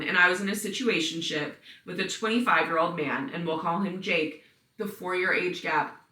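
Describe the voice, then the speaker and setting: Bright-voiced woman telling a raunchy story. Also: lowish voice, recorded from a distance. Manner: profane, blunt, chatty asides. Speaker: podcast host reading listener stories. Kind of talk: casual story-time narration. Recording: roomy sound, voice set back from mic.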